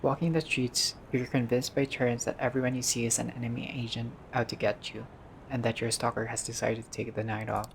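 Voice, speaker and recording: A gamer with a medium-pitched, flat voice reads visual novel text aloud at a brisk clip during a casual playthrough. Informal asides, some swearing and the occasional stumble break up the reading, and the recording is clearly noisy.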